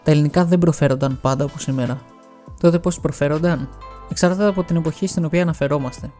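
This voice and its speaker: Male narrator from Greece, scripted, wry and explanatory, slightly high, mellow. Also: soft background music. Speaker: video essay host.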